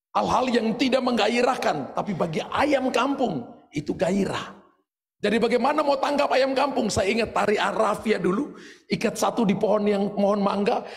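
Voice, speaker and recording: Animated high-voiced Indonesian pastor preaching. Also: male voice, creaky, long reverb tail. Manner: animated storytelling, shouting at peaks. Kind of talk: sermon.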